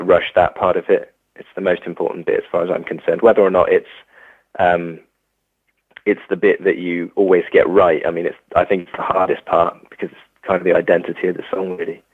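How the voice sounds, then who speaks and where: A young English musician with a deep voice talks haltingly as the guest in a casual interview, leaning on fillers and restarts. There's no room sound, and the audio has a tinny, phone-like tone.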